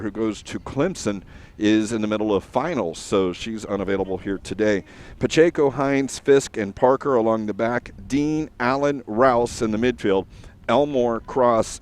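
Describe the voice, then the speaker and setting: A man with a lowish voice provides live play-by-play commentary on a soccer match, speaking steadily with many fillers and frequent pauses.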